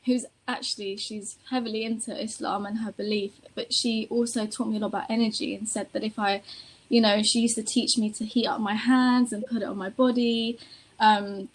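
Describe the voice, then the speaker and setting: A woman's voice: medium pitch, poor audio. A woman from Iran telling a personal story in a panel conversation, passionate, with many fillers. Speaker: panel guest.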